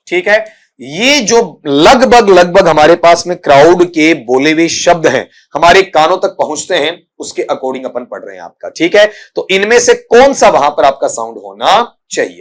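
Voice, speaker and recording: A middle-aged male English teacher explaining exam grammar and pronunciation in Hindi, calling his students "beta", sounding words out slowly and leaning on the filler "aapka". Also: on the high side. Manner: addresses students as "बच्चा" and "बेटा", spells and sounds out words slowly; filler "आपका" repeated constantly.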